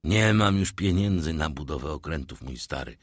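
A man voicing a gentle, sorrowful older shipowner who has lost everything. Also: a bass voice, animated, normal speed, husky, dry recording, studio quality, pitched below the performer's own voice, full character voice. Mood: sad. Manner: soft, warm, sorrowful.

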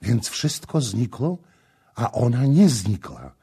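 A man's voice: medium pitch, very animated, slow, dark tone, slightly rough, exaggerated voice. A man reading as a coy young priestess. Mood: coy pleading. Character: young coy Phoenician priestess woman, cunning. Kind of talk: audiobook character reading.

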